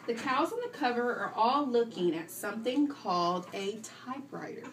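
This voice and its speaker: At normal speed, a woman with a fairly high, animated voice leads a classroom read-aloud for young children, instructing them, asking questions, and repeating their responses. The recording, made from a distance inside the classroom, is roomy with faint noise.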